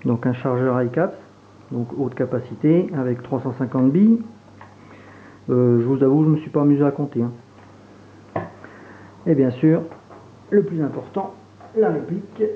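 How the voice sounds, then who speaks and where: A man's voice: mid-range voice, a little slow, pauses often. A man from Franche-Comté with a regional French accent, casually unboxing and demonstrating gear as a reviewer, hesitant and full of fillers. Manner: relaxed, hesitant, many fillers while handling gear. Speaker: airsoft reviewer. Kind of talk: casual product unboxing and demo. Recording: tinny phone-like sound, faint hiss.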